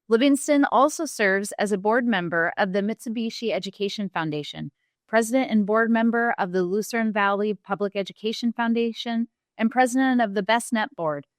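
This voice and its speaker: A woman's voice: medium pitch, dry recording, studio quality. A woman hosting an interview podcast in an upbeat way, reading out her guest's introduction before starting the conversation. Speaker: podcast host.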